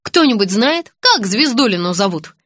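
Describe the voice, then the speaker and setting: A brisk, suspicious nurse, read by a woman, firing pointed questions in a plain, high voice. Her lines come across in a storybook reading. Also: very animated, fairly bright tone, no echo, studio quality.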